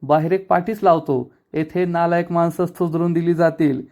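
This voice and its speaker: A man's voice: on the high side, little pitch movement, moderate pace, a little mellow, natural voice. A man voicing a wary, stubborn young husband from a TV serial, dry and doubtful.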